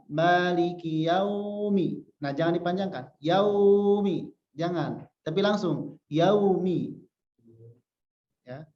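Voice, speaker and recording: A man's voice: high-pitched, a little mellow. A male religious teacher giving a Quran recitation lesson, patiently repeating syllables to show correct pronunciation. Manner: chants example verses slowly. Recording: echoey room, dull lo-fi sound.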